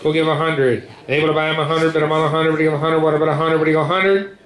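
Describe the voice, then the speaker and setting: A man working as an auctioneer, calling bids in a rapid, rhythmic chant with repetitive filler patter between the numbers. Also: on the high side, level tone, fairly bright tone. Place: echoey indoor auction room. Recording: echoey room with clear background noise.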